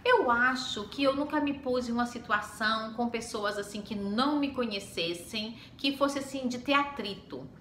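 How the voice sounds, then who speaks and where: Brazilian lady vlogging, kinda high voice, talks w lots of little asides, roomy echo. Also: normal speed, few pauses. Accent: Brazilian Portuguese. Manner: chatty, animated, with rhetorical asides. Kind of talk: casual storytelling vlog. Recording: echoey room with faint background noise.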